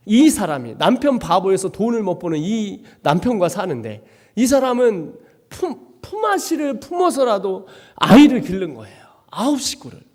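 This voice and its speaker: A man preaching a dramatic testimony sermon as a missionary, swinging from hushed to shouting. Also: sits high, long reverb tail. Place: church sanctuary.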